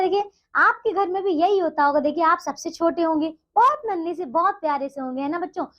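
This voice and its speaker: A woman teacher leading a primary school Hindi lesson, speaking in a sweet, coaxing tone and often checking in with the children. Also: very high voice. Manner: slow, sing-song recitation of poem lines. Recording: dull lo-fi recording.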